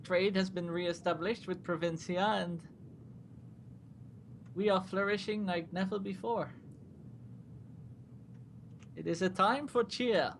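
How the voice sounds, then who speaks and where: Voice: medium pitch, takes it slowly, vocal fry, pauses often, a little hiss or hum. A game master voicing a cheerful, proud male baron in a tabletop game, with hearty, formal speech. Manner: hearty, self-satisfied, formal.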